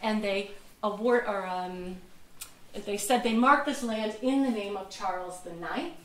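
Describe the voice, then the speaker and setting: A woman museum docent, mid-range and unhurried, chats through a casual history talk for a small group in a lecture room. She mocks herself with laughter and occasionally loses a word, recorded in an echoey room with the mic placed far away.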